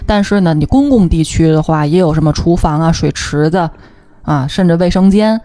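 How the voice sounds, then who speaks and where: A woman's voice: sits low, normal speed, mellow, no echo. A woman from Tianjin chatting casually as a podcast co-host in a jokey, bantering way. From Tianjin, China. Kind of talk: casual chat.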